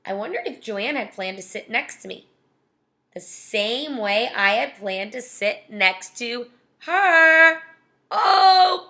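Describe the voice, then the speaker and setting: Young woman reading a kids book out loud, chatty asides, bright higher voice. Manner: chatty, breaks off to comment. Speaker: reader reading a children's novel aloud. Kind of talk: casual read-aloud with asides.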